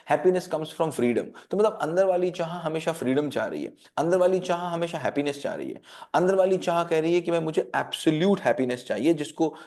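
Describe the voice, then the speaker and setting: A man's voice: on the high side, a little mellow. A man coaching a group of parents, teaching earnestly, with repeated rhetorical questions and English phrases mixed in. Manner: mixes English phrases into his talk.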